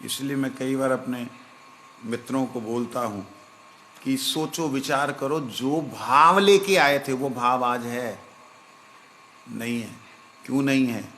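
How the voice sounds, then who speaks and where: Slow bright-voiced guy giving a devotional sermon, takes his time, faint hum behind. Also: mid-range voice. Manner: slow, reflective, breaks into chanting. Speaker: spiritual teacher. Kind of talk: devotional discourse.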